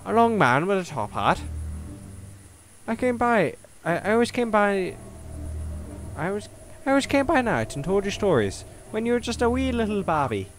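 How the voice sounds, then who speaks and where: A man's voice: sits high, big pitch swings, moderate pace, soft background music, voice pushed up. A man puts on a lanky skeleton in a top hat from a spooky video game, with a put-on Irish lilt. He is sly, chummy and theatrical, voice raised well above the man's own. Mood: persuasive.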